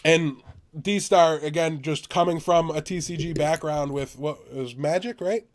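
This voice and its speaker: Chatty, excitable American man. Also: on the high side. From United States. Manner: chatty, excitable, quick to laugh. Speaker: podcast co-host. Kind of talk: casual gaming podcast chat.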